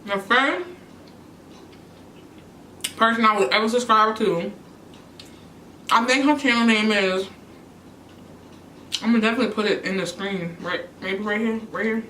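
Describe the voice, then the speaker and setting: Between bites, a young adult YouTuber from New York casually fields questions on her mukbang channel. Her mid-range voice has a sharp tone, unhurried and pausing often, and the mic sits at a distance in an echoey room, with a little hiss or hum.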